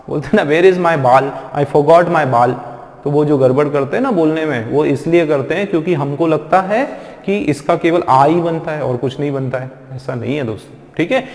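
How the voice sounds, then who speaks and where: A man's voice: a little high, a little mellow. A man teaching a spoken English lesson, explaining step by step and often asking his students questions. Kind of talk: classroom lesson explaining pronunciation. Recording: echoey room with long reverb.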